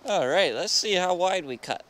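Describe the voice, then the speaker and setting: A man's voice: sits high, expressive, moderate pace. A young man running a sawmill in a snowy yard, talking casually and unhurriedly to the camera, muttering measurements to himself as he works. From Canada. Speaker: sawmill operator. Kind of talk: casual narration while working. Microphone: action camera. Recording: loud engine and outdoor noise.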